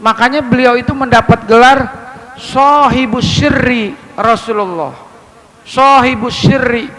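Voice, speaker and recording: A man preaching a lively, humorous sermon, joking with and questioning his congregation. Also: very high voice, a little slow, long reverb tail, poor audio.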